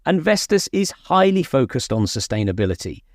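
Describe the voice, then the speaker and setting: A man's voice: mid-range voice, very animated, normal speed, no room sound, studio quality. A man hosting a show, presenting scripted introductions and questions to a guest expert. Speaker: podcast host.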